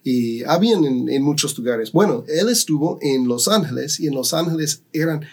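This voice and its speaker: A man co-hosting a podcast, telling a devotional story and acting out shouting crowds. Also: a little high, animated, moderate pace. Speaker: podcast co-host, pastor.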